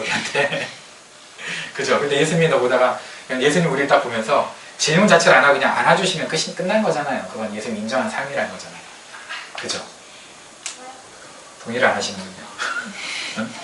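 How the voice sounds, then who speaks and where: A man's voice: medium pitch, a bit bright. A male pastor preaching a conversational sermon, often checking with the congregation and dropping joking asides. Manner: conversational, keeps asking the congregation "right?". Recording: echoey room, distant mic, faint noise.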